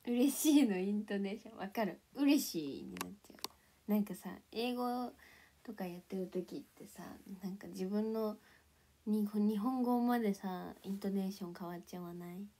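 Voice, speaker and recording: A young woman chatting casually to viewers on a livestream, playful and giggly, sometimes dropping into soft whispers. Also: medium pitch, normal speed. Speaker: idol livestreamer.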